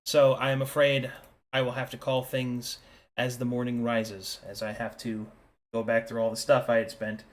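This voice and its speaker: A man's voice: medium pitch, flat delivery, moderate pace. A man talking casually to players and listeners as host and game master of a tabletop role-playing show.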